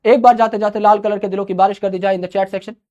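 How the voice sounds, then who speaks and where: A man's voice: sits high, flat delivery, fast, a little mellow. A young man teaching a live online biology class, giving study advice in a chatty way and mixing in English phrases. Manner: chatty, mixes Hindi with English phrases, calls students brother.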